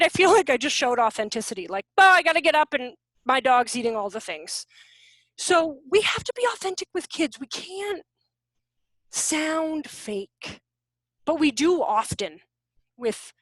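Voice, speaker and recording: Casual woman workshop presenter on a video call, high and expressive, animated with quick asides. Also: no room sound. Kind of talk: casual teaching talk. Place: room at home.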